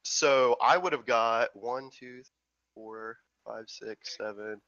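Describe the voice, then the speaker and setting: A man's voice: mid-range voice, takes it slowly, pushed and bright, dull audio. A man playing in a tabletop game, casual and rambling with lots of fillers. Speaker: player.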